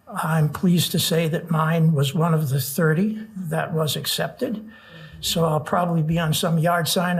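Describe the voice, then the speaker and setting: Male poet for open mic reading: unhurried, deliberate delivery, slightly high voice, pausing between phrases. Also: low-quality recording. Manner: measured, deliberate phrasing with pauses. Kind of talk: spoken introductions and poetry recital to an audience.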